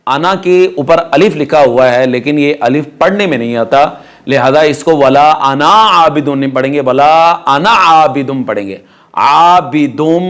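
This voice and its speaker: A man with a Pakistani Urdu accent teaching Quran recitation rules, explaining each point and then reciting the words slowly and drawn out. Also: mid-range voice. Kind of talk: tajweed lesson with slow recitation.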